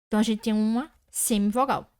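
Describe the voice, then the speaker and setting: A Brazilian woman teaching an online Portuguese grammar lesson, patiently repeating words slowly and checking that students follow. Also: a little high, fairly even intonation, a little mellow, clear, resonant tone, dry recording, clean studio sound.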